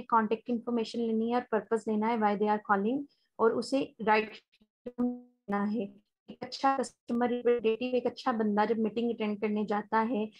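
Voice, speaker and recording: Pakistani woman teaching an online class. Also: fairly high pitch. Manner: explains step by step, switches to slow polite English for sample phone lines.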